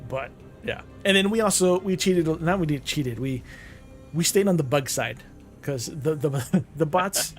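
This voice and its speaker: A man's voice: a little high, animated, unhurried, faint music behind. Laid-back man gaming with a friend. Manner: laid-back, trailing off, swears, laughs. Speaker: co-op gaming partner. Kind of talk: casual gaming chat.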